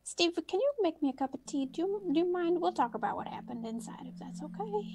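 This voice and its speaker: A woman's voice: very high-pitched, animated, quick pace, darkish tone, pitched above the performer's own voice. A woman playing a shaken, achy, polite character in a tabletop game, feeble and plaintive, stammering as if poorly. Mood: weary, polite. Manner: feeble, ailing, plaintive, stammering over aches. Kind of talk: in-character tabletop role-play.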